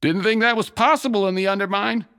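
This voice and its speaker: A man's voice: high voice, fast talker, a bit bright, clean tone, voice pushed up. A man voicing a cynical, wry male secret agent.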